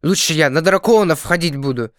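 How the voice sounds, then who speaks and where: A man's voice: on the high side, fairly quick, clear, resonant tone, no echo, studio quality, close to an everyday voice. A man voicing a nervous, earnest peasant potter in a storybook reading, who sometimes stammers and gets flustered.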